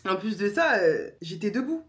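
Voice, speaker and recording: A young woman vlogger, telling a story in a casual, animated way and acting out the others. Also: mid-range voice, moderate pace. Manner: animated, slangy, acts out voices of others.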